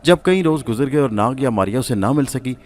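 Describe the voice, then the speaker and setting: Man, storyteller, scripted suspense narration, steady, measured. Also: medium pitch.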